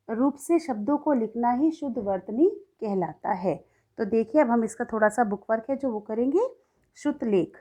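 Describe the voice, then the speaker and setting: A woman's voice: on the high side, warm tone, low-quality recording. A young woman teacher giving a recorded grammar lesson to schoolchildren, explaining step by step and often checking in.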